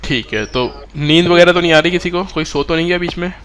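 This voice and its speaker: A man's voice: a little high, fairly quick, fairly bright tone. A man teaching a live online exam-prep class, mixing English terms into Hindi and often checking that students follow.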